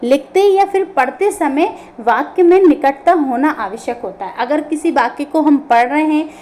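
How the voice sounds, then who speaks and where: A woman's voice: sits high, expressive, normal speed, a little mellow. A woman teaching an online grammar class, explaining step by step and answering her own questions.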